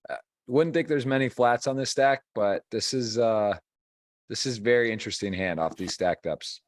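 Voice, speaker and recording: A man's voice: medium pitch, moderate pace. A man giving conversational live poker tournament commentary as the host of a stream.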